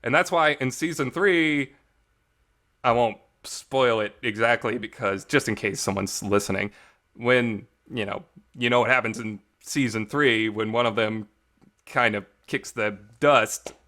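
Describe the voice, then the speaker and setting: Speaking a little slowly in a sharp-toned, mid-range voice, a man delivers an emphatic and enthusiastic fan review in an informal way. He's the host of a casual visual novel talk show, and his voice carries some reverb.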